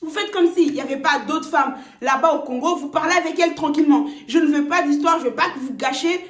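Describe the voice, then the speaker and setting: A smug young man who justifies himself at every turn, put on by a woman storyteller. The voice sits high and dismissive. The room around it is roomy and echoey. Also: brisk, natural voice. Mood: defiant. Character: young man, smug two-timing fiancé. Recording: roomy echo.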